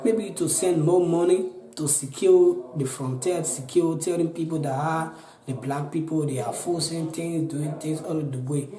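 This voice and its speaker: In a slightly high voice at a measured pace, a young Liberian man in his 20s tells his own story in an interview, pleading earnestly with frequent repetition and restarts. He has a Liberian accent, and the rough, reverberant recording carries crowd noise.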